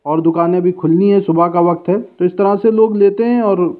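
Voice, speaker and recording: Guy vlogging food, fairly high voice, tinny phone-line sound. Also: steady tone, normal speed. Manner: chatty, guiding the viewer along. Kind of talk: casual walking food-vlog narration. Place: outdoor street and busy food shop. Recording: tinny phone-like street recording.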